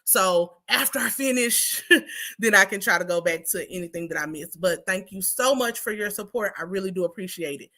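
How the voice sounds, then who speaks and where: A woman's voice: mid-range voice, normal speed, sharp tone. A woman hosting a commentary channel, chatting sassily and talking straight to her viewers. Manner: sassy, chatty, addresses viewers directly. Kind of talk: casual commentary.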